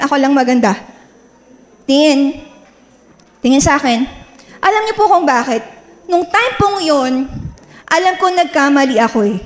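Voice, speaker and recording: A woman pastor from the Philippines preaching a story-driven sermon, animated and acting out voices as she asks the congregation questions. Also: high-pitched. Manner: animated, acts out quoted voices, asks audience. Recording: long church reverb.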